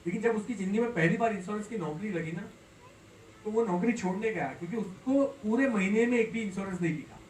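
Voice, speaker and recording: A man giving a motivational seminar talk, telling stories that swing from loud to hushed. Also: high voice, lively intonation, quick pace, a little hiss or hum. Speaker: network marketing speaker. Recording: roomy hall, speaker far from mic.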